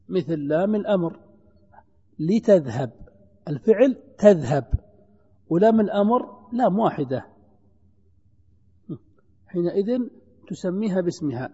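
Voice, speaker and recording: A grammar teacher, a man, works through examples slowly, repeats himself and asks his students questions. His voice is high but mellow in tone. The dull, lo-fi recording carries a long hall reverb. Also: slightly rough. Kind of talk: classroom lesson.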